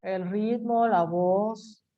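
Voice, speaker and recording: A woman teacher, giving a lively classroom lecture and acting out what students might say. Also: mid-range voice, extremely slow. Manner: animated, acts out student quotes. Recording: dull lo-fi classroom recording.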